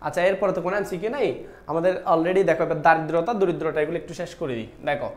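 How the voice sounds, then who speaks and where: A man's voice: fairly high pitch, racing. A man teaching a live online class, talking straight to the students and answering his own questions. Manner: talks to students directly, repeats "dekho" often; asks questions and answers them himself. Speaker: online Bangla admission-test teacher. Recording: echoey room.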